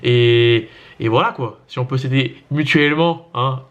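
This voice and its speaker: A young man chatting casually on his vlog, slangy and animated, laughing often. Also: medium pitch, a little slow, lo-fi sound. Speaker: vlogger.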